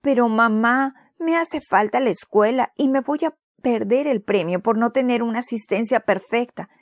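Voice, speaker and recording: A woman voicing a young sick boy who pleads in a high childlike voice. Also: moderate pace, dry recording, studio quality, close to an everyday voice. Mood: whiny.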